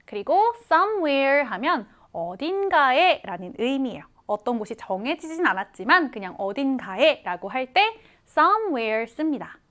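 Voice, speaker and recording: A woman teaching English vocabulary to students, explaining each word slowly and clearly and repeating example readings. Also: high-pitched, sing-song, fairly bright tone.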